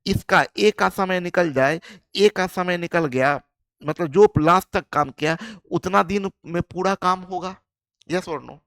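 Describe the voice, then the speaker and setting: A man's voice: high-pitched, unhurried, a bit bright, no room sound, studio quality. A man teaching a live online maths class, explaining each step and often asking the class whether they follow. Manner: explains step by step, often asks the class "yes or no", calls students "friend".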